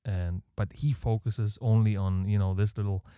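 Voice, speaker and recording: Speaking a bit low, at normal speed and with fairly even intonation, this German-accented man delivers a casual solo podcast monologue. His voice is mellow and smooth, and his breathing comes through on the close mic as he rambles, offers opinions and makes fun of himself. Recorded at home in Canada, it has studio quality and no room sound.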